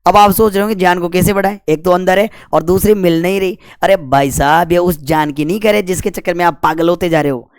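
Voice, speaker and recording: A man's voice: sits high, a little fast, hardly any pauses, clear, resonant tone, dry recording. A man teaching Hindi grammar in a lecture, asking questions and answering them himself, scolding and joking with students. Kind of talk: classroom lecture.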